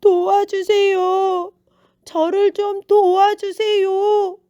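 A woman voicing a desperate blind beggar man who cries out and pleads loudly for help. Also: extremely high pitch, flat delivery, extremely slow, dry recording, highs cut off, pitched above the performer's own voice, exaggerated voice. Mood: pleading. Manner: crying out, pleading, wailing.

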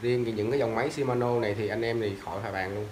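A man's voice: on the low side, steady tone, very fast, darkish tone, a little hiss or hum. Chatty man selling fishing gear. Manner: loose and chatty, fumbling for brand names, often calling out to viewers. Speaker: seller of used fishing gear. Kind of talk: casual sales talk to camera. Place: tiled indoor floor of a house, sitting down. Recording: echoey tiled room.

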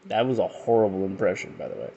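A man's voice: on the low side, fast talker, creaky, mellow, slightly rough, muffled recording. A man giving rambling, jokey commentary as he unboxes and reviews action figures. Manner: rambling, jokey, with frequent fillers. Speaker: toy reviewer.

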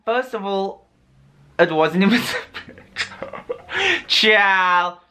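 Young dude ranting on his vlog, sassy, says like a lot, bright sharp voice. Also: sits high, measured pace. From South Africa. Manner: sassy, rambling, heavy on "like" fillers. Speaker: YouTuber. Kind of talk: casual vlog rant.

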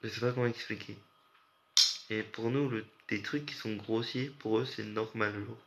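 A man's voice: on the low side, steady tone, moderate pace. A young man from France, sleep-deprived, chatting with viewers on a late-night stream in a rambling, slangy way. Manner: rambling, slangy, talks straight to chat. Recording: muffled lo-fi audio with faint hiss.

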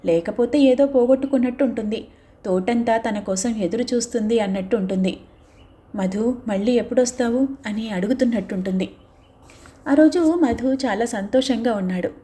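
A woman narrating a novel in a steady, even storytelling manner. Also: on the high side, normal speed. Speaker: audiobook narrator.

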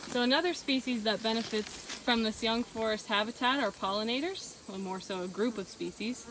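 A woman in her thirties, a wildlife biologist, explaining forest habitat outdoors in a steady, explanatory way, with a clip-on mic. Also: on the high side, brisk, a little hiss or hum, poor audio. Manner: steady, explanatory, walking and pointing at plants. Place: forest clearing and woodland, outdoors.

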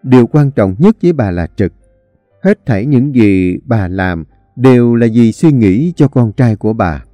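A man's voice: mid-range voice, unhurried, no echo, faint music behind. A man narrating a dramatic novel expressively. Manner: expressive, animated storytelling. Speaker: story reader.

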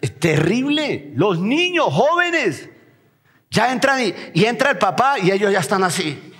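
A Colombian pastor with a high, ringing voice delivers a lively sermon, firing rhetorical questions at his congregation. His words echo through a church sanctuary with a long, lingering reverb. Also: measured pace.

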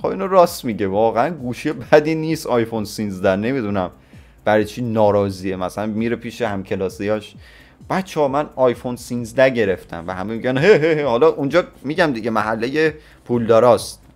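A man in his twenties from Iran giving blunt, opinionated reaction commentary with crude slang. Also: medium pitch. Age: 20s. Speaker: YouTuber reacting to a clip.

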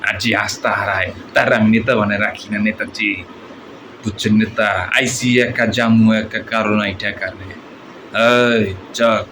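A man's voice: lowish voice, flat delivery, sharp tone. Man acting a menacing Bangladeshi movie villain, noisy recording. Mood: mocking menace. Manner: movie villain, threatening, swaggering drawn-out taunts. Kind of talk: film villain dialogue mimicry.

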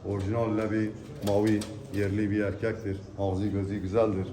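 A man giving an unscripted auctioneer's sales pitch, presenting lots in an emphatic way and repeating his phrases. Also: little pitch movement, fairly quick, a crowd in the background. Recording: echoey room with background noise. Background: birds, pigeons.

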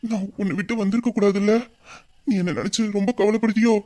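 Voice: medium pitch, fairly even intonation, fast talker, dark tone, lightly acted. A performer voicing a young husband in an audio drama who misses his wife, talking in an emotional, intimate way. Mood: tender.

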